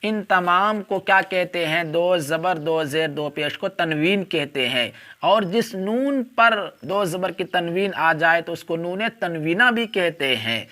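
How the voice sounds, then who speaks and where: A man with a slightly high voice gives a step-by-step reading lesson as a Quran teacher. He alternates quick explanations with slow, repetitive drills, sounding out each letter carefully. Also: lively intonation, pushed and bright. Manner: repetitive drilling, spelling out letters slowly and deliberately; brisk explanations between drills.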